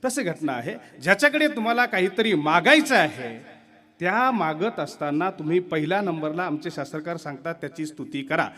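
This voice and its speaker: A man preaching a devotional kirtan sermon, telling a story and acting out its characters in an animated way. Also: on the high side, brisk.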